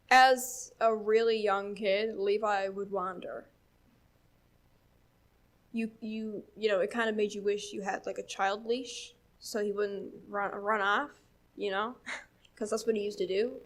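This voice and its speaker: A young woman with a Newfoundland accent telling a story at church, chatty, with lots of fillers and laughs. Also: mid-range voice. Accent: Newfoundland English. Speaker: church speaker. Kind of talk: casual storytelling talk.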